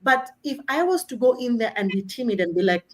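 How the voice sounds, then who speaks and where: A woman with a slightly high voice talks as an interview guest. Her delivery is confident and animated. She acts out conversations from her working life. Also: fairly quick. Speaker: tech industry guest.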